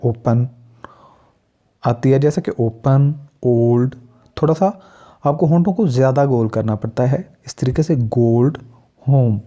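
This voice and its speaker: A man from Pakistan giving a pronunciation lesson, explaining sounds deliberately and listing example words one at a time. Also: fairly high pitch, dark tone. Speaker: English teacher. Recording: dull lo-fi recording.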